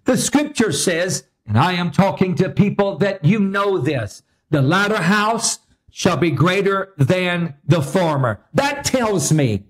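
A man's voice: high-pitched, sing-song, slow pace. A man preaching a sermon as pastor, emphatic and repetitive in his delivery.

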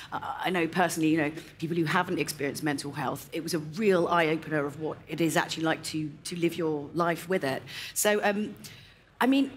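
A woman's voice: on the low side, slight background noise. A woman moderating a live stage panel, chatty with many fillers, on a headset mic. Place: large indoor event stage.

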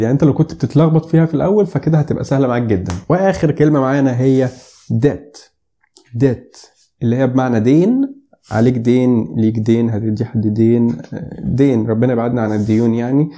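A young Egyptian man hosts a casual pronunciation lesson, talking quickly between playful jokes. His voice is very dark and mellow, and he slows right down to repeat each word carefully. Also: medium pitch. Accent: Egyptian Arabic. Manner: joking, playful asides; repeats words slowly to demonstrate. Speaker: English pronunciation teacher.

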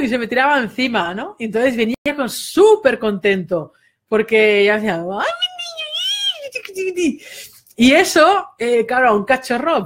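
A woman, a dog trainer giving a casual spoken lesson, chatty, with many fillers and quick asides. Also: fairly high pitch.

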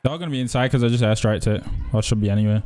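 A man's voice: mid-range voice, rapid-fire, darkish tone. A man streaming a shooter game, chatting casually with teammates, joking and swearing as he reacts to the match. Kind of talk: casual gaming voice chat.

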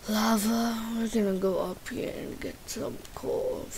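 A woman hosting a game channel, giving chatty let's play commentary that swings between muttered asides and sudden excited squeals. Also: medium pitch, measured pace, a little hiss or hum, rough recording. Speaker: gaming channel host.

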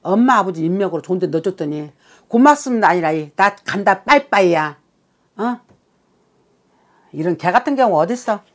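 A woman's voice: lowish voice, animated, a little fast, pauses often. A woman shaman giving a blunt, scolding consultation, swearing and bursting into emphatic outbursts. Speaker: shaman fortune-teller.

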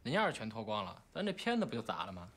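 A touchy has-been actor in a film drama. He rattles off words at great speed with a lively, swinging pitch, blustering all the while. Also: heavily acted. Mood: mocking. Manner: rapid, blustering.

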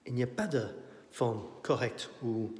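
A middle-aged man with an English accent, an artist giving a casual tour of his exhibition, thinking aloud with many pauses and fillers, filmed on a phone at arm's length. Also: mid-range voice, darkish tone. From not French. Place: indoor art gallery. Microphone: handheld phone at arm's length, walking. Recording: roomy gallery with long echo.

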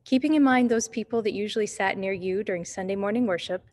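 A woman's voice: mid-range voice, fast talker, a little mellow, a little hiss or hum. Woman speaking with big hall echo. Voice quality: echoey sound from a big empty hall. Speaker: church video host. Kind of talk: gentle devotional talk to camera. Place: large empty church sanctuary, indoors. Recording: echo of a big empty sanctuary.

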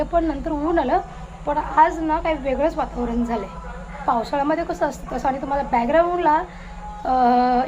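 A woman with a high, bright-pitched voice hosts a casual home vlog. She chats easily to her viewers as a group and talks with the family around her. A faint hum of noise sits under her voice. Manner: chatty, addresses viewers warmly as a group. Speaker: vlog host.

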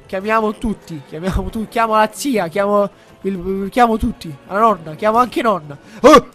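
A young man narrates his own boss fight in a high, bright voice. He swings between mutters and shouted bursts, repeating words over and over and swearing. Faint music plays behind him. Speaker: gamer commentating his own play. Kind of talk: live gameplay commentary.

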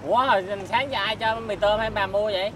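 A man's voice: high-pitched, steady tone, fast talker, bright, forceful tone, distant mic, a little hiss or hum. A man interviewing an elderly woman in casual chat, joking and polite to his elders. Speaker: vlogger interviewing.

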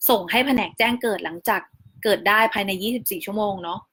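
A woman, a new mother, narrating a casual vlog voice-over in a chatty, polite way, calmly explaining practical details step by step. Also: medium pitch, fast, slightly rough. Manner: chatty and polite, often ending phrases with soft polite particles. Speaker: new mother sharing her hospital stay.

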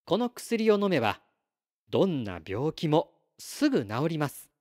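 A polite, clever boy from the stars speaks in a raised, courteous voice, slow and careful with every word. A man voices him in a storybook read-aloud. His tone rises and falls in a lively way. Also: a little high. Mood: earnest. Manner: formal, courteous, calm.

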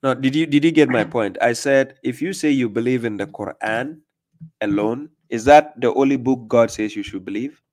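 A man's voice: medium pitch, moderate pace, darkish tone. Male stream host, pushy questioner, plain mid-range voice, home desk setup. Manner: pressing, questioning, repeats himself. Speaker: livestream host. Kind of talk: live call-in debate. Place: small room indoors.

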